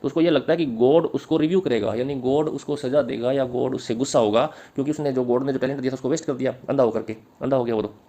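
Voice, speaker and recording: A young man teaches literature for exam prep. His voice is mellow and dark, set at an ordinary middle pitch. He explains casually and slows right down whenever he dictates model answers. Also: fairly even intonation. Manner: explains in Hindi, dictates English answer lines slowly.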